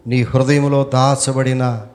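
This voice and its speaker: A male pastor with a Telugu accent preaching a sermon, asking the congregation questions, repeating phrases and climbing louder on key lines. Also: medium pitch, level tone, slow. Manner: asks the congregation questions and answers them.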